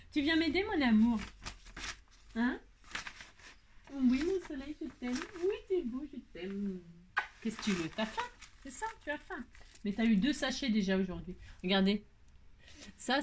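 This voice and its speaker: Woman, craft vlogger, casual chat, effusive, coos at her cat, mid-pitched voice. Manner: effusive, gushing, repeats "trop joli". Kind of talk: casual chat while opening mail.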